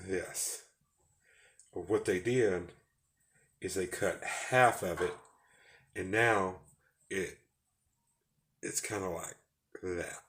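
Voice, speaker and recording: A man's voice: sits low, bright, forceful tone. A man with a Texas twang, talking in a rambling, folksy way in a casual personal vlog. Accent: Texan. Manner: rambling, folksy, with false starts. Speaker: vlogger.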